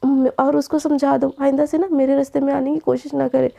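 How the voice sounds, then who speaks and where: A woman's voice: high-pitched, little pitch movement, a little fast, vocal fry, dark tone. A woman voicing an angry young college woman, scornful and snapping, in a casual spoken story.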